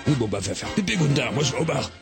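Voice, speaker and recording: A man performing a crude, boastful comic sketch monologue as a radio columnist, shouting and muttering by turns. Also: mid-range voice, big pitch swings, fast, over music.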